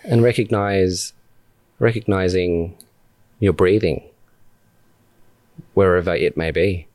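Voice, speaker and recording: On his podcast, a man with a low voice leads a guided meditation, talking calmly and with deliberate care in brief phrases broken up by long pauses.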